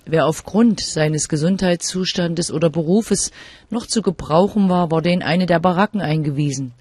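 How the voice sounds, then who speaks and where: A man narrates a documentary report in a measured, solemn read. His voice sits slightly high for a man. The delivery is clean and scripted. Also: darkish tone, breathy edge, no echo.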